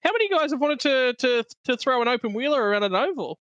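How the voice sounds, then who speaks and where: A high-voiced man co-commentates on a sim race, earnest and emphatic. His tone is bright and sharp, and the recording is close and dry. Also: animated, fast talker, smooth, dry recording, dull audio.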